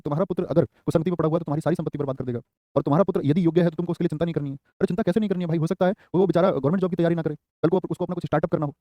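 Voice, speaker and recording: A slightly high, mellow male voice, recorded dry, belongs to a teacher holding a live online exam-prep class. He keeps the dictation quick and repetitive, naming students as he answers them.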